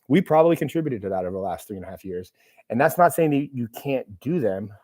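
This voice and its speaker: A man's voice: medium pitch, lively intonation, fast talker, darkish tone. A man hosting a live Q&A, talking casually in a rambling, self-deprecating way with plenty of fillers. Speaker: host of a live Q&A. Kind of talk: casual live-stream chat. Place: room with a camera operator.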